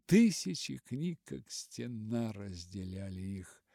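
A man reading a literary novel aloud as an audiobook narrator, measured and dramatic with long pauses. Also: fairly low pitch, big pitch swings, gravelly, warm tone, no echo, studio quality.

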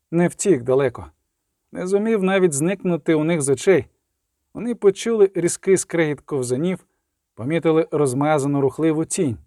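A man narrating a story as an audiobook reader, in a steady, tense storytelling manner. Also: fairly high pitch, dry recording, studio quality. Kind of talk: scripted narration.

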